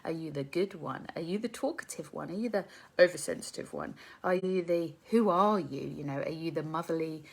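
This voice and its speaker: A woman of around forty speaks in a low voice with a gravelly fry. She is a psychotherapist hosting a casual live stream. She thinks aloud, full of ums and questions put to her viewers. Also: brisk, a little mellow.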